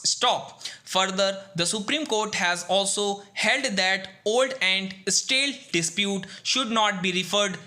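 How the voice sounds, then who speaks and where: A man with an Indian accent is dictating formal text at a slow, measured rate. His voice is high and very bright, with a forceful edge. He reads phrase by phrase, as for shorthand practice, speaking punctuation aloud.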